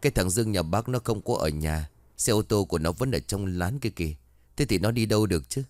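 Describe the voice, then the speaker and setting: A man's voice: lowish voice, animated, fairly quick, darkish tone, no echo, natural voice. A man voicing a frightened older father who stammers in panic. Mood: worried.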